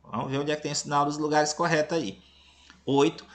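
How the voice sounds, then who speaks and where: With a slightly high voice, a steady tone and a somewhat quick pace, a Brazilian man from Tocantins reads a lesson aloud to children in his Brazilian Portuguese accent. The teacher checks often that they understand, using "entendeu?" and "beleza?", and jokes playfully about handing out answers.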